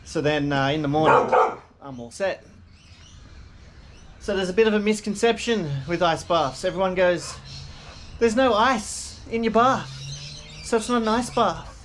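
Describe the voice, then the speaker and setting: A man's voice: sits high, expressive, measured pace, fairly bright tone. A man talking casually to camera as a vlogger. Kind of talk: casual vlog talk to camera. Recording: clear background noise.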